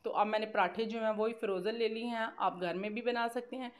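Brisk and fairly even in intonation, this woman's higher-pitched voice narrates a cooking video. She has a Pakistani accent and explains each step casually, returning again and again to the same filler phrases.

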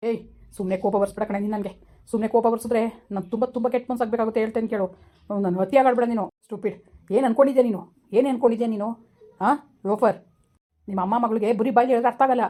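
A woman acting as a threatening young husband who brandishes a knife in a village comedy skit, shouting insults and warnings. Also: a little high, steady tone, racing, lightly acted.

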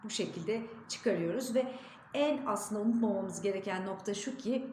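A woman with an Istanbul Turkish accent giving a diction lesson, carefully demonstrating how words are pronounced, her pitch jumping up sharply on each example. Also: normal speed, darkish tone, a little hiss or hum. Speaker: diction teacher. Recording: echoey room with faint ambience.

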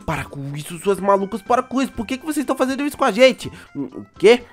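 A man with a Brazilian accent doing a Minecraft role-play as a gaming YouTuber, excitable and full of exclamations and sighs. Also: sits high, fast, faint music behind.

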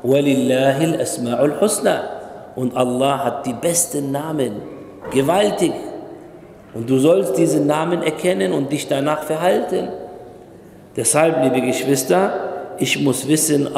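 A man's voice: mid-range voice, gravelly, darkish tone, a little hiss or hum. A man preaching a sermon, urging listeners directly and repeating himself for emphasis. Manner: emphatic, repetitive exhortation addressing listeners directly. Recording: echoey hall with long reverb.

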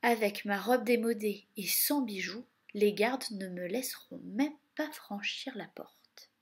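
A woman voicing a gentle, kind young maiden with a soft, sighing manner in a read-aloud storybook. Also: medium pitch, a little slow, breathy edge. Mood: wistful. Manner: soft, sighing, then bright and breathless.

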